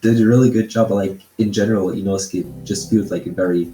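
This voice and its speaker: A young man co-hosting an anime podcast, speaking slowly and haltingly as he searches for words. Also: lowish voice, fairly even intonation, mellow, soft background music. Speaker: podcast co-host. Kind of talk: casual anime review chat. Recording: roomy echo.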